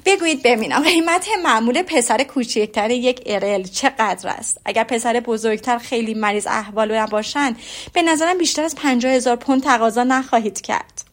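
A woman reading the lines of a witty, teasing young lady in a storybook, with an ironic, lively manner. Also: on the high side.

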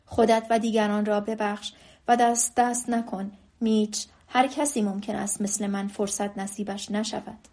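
A woman reading the lines of a frail, dying old man, gentle and wise, in a soft, quiet voice. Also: medium pitch, flat delivery, close to an everyday voice.

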